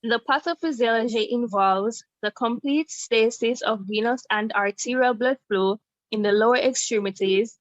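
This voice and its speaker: A woman's voice: a little high, moderate pace, dry recording, muffled recording. A woman in her twenties, a quiz contestant, reading a prepared answer steadily. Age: 20s. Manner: reads prepared text steadily.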